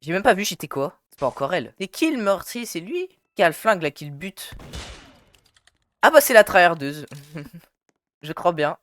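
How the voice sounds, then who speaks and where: A man's voice: high-pitched, sing-song, moderate pace, pauses often, a bit bright, dry recording. Playful young man commenting a game. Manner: playful, teasing, slangy, talks to viewers. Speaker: gaming YouTuber. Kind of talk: casual gameplay commentary. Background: faint background music.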